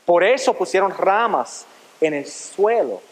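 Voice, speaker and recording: A man's voice: high voice, sing-song, a little slow. A man pastor preaching a sermon, asking rhetorical questions and reading scripture aloud. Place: church sanctuary. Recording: long church reverb.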